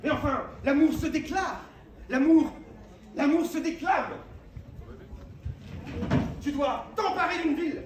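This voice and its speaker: A grandiose, fervent knight declaims with hammy stage flourish in a high-pitched voice. He is recorded live from a distance, with plenty of echo. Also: takes it slowly, pauses often. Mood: scolding, declamatory. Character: grandiose, lovesick, fervent knight Don Quixote. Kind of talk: theatrical stage acting. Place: live theatre show, far from mic. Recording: distant, echoey, noisy live performance recording.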